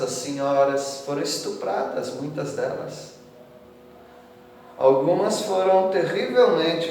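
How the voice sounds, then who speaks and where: Brazilian pastor preaching in an echoing church hall. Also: male voice, fairly high pitch, darkish tone, slight background noise. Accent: Brazilian Portuguese. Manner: conversational, asks the congregation tag questions; reads scripture verses aloud with rising emphasis. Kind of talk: expository sermon. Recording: echoey church hall from far off.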